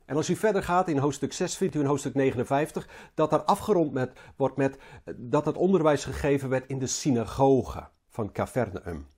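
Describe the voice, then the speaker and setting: Husky, mellow preacher. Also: male voice, mid-range voice. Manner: halting, repeats words, rises and falls in emphasis. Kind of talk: sermon.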